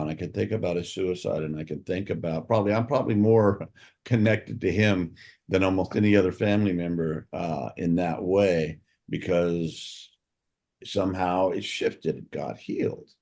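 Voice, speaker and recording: A man co-hosting a podcast, telling a personal story in a halting, reflective way with pauses and fillers. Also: low voice, vocal fry, darkish tone. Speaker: podcast co-host.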